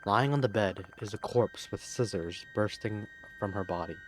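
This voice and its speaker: A man playing a horror video game, reading the narration aloud in a low-key way with casual comments in between. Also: normal speed, background noise. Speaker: let's play gamer.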